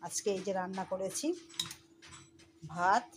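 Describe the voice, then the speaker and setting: A cooking vlogger chats casually with her viewers as she cooks in her home kitchen, talking to them like friends. Her mid-range voice is fairly even in intonation and unhurried, with slight background noise.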